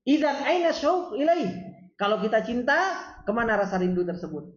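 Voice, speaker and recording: A male preacher gives a lively religious lecture, quoting Arabic and asking the room questions. His voice sits in a roomy, echoing space. The recording is dull and lo-fi. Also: extremely high pitch, normal speed. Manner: animated, asks the audience rhetorical questions; reads Arabic lines, then explains them in Indonesian. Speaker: ustaz teaching a religious study circle. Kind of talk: Islamic study lecture.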